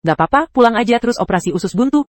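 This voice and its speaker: A computer-generated woman's voice reads an anime story recap at a quick clip, with a pitch that jumps around a lot. She voices every character herself without changing her sound, and the recording is close and dry. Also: lively intonation, dry recording. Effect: synthetic text-to-speech voice. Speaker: narrator.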